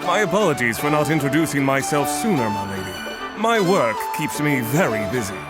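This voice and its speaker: A man voicing a courteous male court mage with a deep voice and a light British accent, formal and polite. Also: big pitch swings, fairly quick, lightly acted. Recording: loud music underneath.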